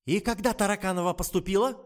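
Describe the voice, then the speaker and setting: Man doing a bossy woman doctor, shrill, scolding, high and loud, audiobook. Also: quick pace, close to an everyday voice. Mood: demanding. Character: flustered middle-aged woman hospital doctor, bossy.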